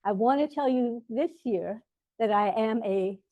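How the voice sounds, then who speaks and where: A woman's voice: fairly high pitch, a little slow, no room sound, lo-fi sound. Wry older woman, dry close sound. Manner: self-deprecating, wry storytelling. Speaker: vendor and speaker. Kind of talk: humorous presentation. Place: outdoor garden event.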